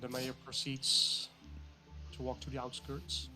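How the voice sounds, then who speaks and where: A man narrating a tabletop game as game master, halting and searching for words. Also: medium pitch, completely flat delivery, pushed and bright, faint music behind.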